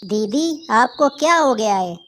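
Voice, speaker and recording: A meddling sister kite with a taste for hunting, as a woman voices her. She talks eagerly and scolds in a fairly high cartoon voice. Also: animated, a little slow, a bit bright. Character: hungry meddling younger sister kite, female. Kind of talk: Hindi cartoon voice acting.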